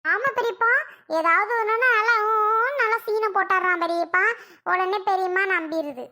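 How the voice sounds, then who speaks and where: A woman's voice: very high voice, normal speed, bright, forceful tone. A woman voicing a chatty young girl who pleads with her aunt and tattles on her cousin, in a cartoon. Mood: pleading. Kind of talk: cartoon voice acting.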